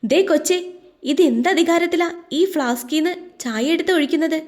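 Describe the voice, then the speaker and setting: A woman voicing a sharp-tongued middle-aged housemaid who scolds loudly and fast. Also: expressive. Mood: scolding. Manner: scolding, shrill and quick.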